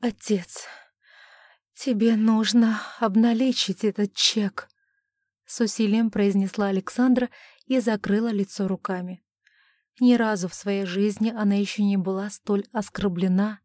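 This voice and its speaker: A woman reading a romance novel aloud as an audiobook narrator, measured and even. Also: mid-range voice, no echo, clean studio sound.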